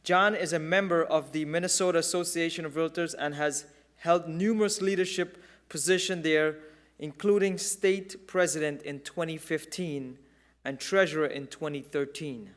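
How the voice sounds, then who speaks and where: A male presenter reads a scripted introduction in a measured, formal way. His voice sits a bit high. He keeps an even, ceremonial pace. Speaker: event presenter.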